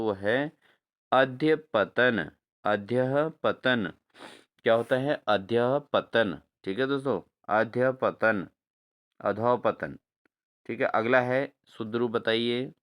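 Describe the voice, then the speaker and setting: Guy teaching spelling for exams, clean smooth voice, keeps asking "what is it, friends?" and spelling stuff out bit by bit. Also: mid-range voice. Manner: repeats answers as questions to viewers, addresses them as friends; spells words out slowly syllable by syllable. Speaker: exam-prep teacher. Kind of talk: spelling lesson for exam prep.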